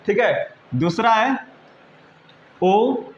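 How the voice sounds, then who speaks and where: A male teacher giving a patient, repetitive lesson, often checking that students follow and spelling words out slowly letter by letter. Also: sits high, expressive. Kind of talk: classroom-style lesson in Hindi. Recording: roomy, dull lo-fi sound with faint noise.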